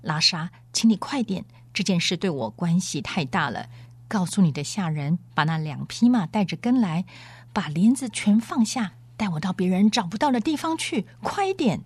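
A woman voicing a young runaway noble who speaks in hushed, urgent pleas. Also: lowish voice, lively intonation, moderate pace, husky, dry recording.

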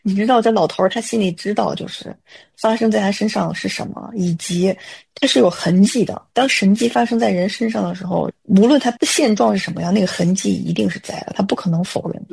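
A woman who leads worship at her church, telling a lively personal faith story in casual conversation and acting out family dialogue. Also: medium pitch, a little fast, creaky, slightly rough.

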